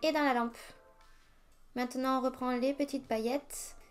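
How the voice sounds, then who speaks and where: A woman's voice: sits high, steady tone, normal speed. A woman talking through a nail art tutorial step by step, chatty and ready to laugh at her own slips. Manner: chatty, self-mocking, narrates each step. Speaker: nail artist. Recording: faint music behind the voice. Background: faint music.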